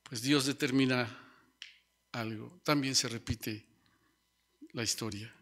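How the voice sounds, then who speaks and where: Bright-voiced male preacher. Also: mid-range voice, fairly even intonation, slow. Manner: speaks to the listeners as brothers, tags lines with rhetorical questions. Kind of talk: sermon.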